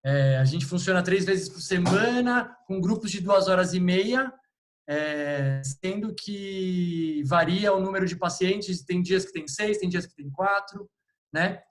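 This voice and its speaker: A Brazilian man talks on a video call, his voice a bit higher than most men's. He is relaxed and informal, dotting his speech with fillers as he presents his clinic's work. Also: a little slow. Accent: Brazilian Portuguese. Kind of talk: online meeting talk.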